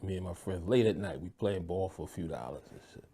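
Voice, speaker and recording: A man recounts events in a low voice with a husky edge. His tone is dark and relaxed. He drifts into quoting what others said as he talks. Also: quick pace. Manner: laid-back street storytelling, acts out dialogue. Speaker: interviewee. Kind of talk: storytelling interview.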